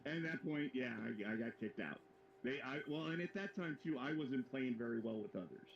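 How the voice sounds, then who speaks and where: A man's voice: mid-range voice, animated, a little fast. A man co-hosting a live hobby show, telling a long, rambling anecdote with many restarts. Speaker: co-host of a live modeling show. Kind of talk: casual chat, storytelling. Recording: roomy, dull sound with faint background noise.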